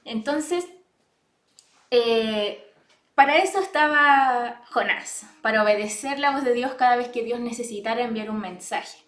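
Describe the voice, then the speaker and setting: A woman's voice: on the high side, a little slow, a bit bright, reverberant. A woman preaching a sermon, reading out comments and Bible verses, often checking in with the listeners. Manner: reads out online comments and Bible verses, asks "¿cierto?" often.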